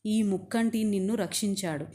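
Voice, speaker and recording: A woman storyteller voicing a devout, calm mother who speaks slowly and steadily. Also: mid-range voice, lightly acted. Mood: serene.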